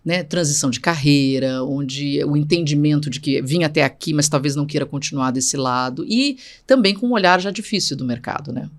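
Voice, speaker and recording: A woman's voice: low-pitched, a little fast, few pauses. A middle-aged woman speaking as a guest in an interview, emphatic and assertive, repeating points for stress. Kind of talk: conversational interview.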